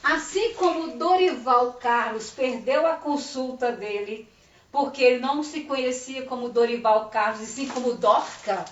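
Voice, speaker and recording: A woman with a Brazilian accent, a literacy teacher giving a chatty, expressive online lesson and acting out little dialogues. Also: high voice. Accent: Brazilian Portuguese. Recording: muffled, roomy, distant mic with faint hiss.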